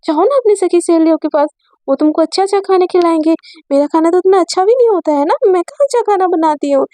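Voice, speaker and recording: Brief: woman playing a sulky, jealous young woman, high-pitched and snappy, mellow tone, dry close sound. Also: fast talker, dry recording. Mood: sulky, sarcastic. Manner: sarcastic, snappy.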